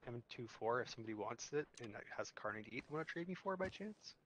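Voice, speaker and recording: A man chatting as a teammate in a game, polite and low-key, offering spare gear. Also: expressive, fast talker, a bit bright, husky. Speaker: teammate on voice chat. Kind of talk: casual game chat.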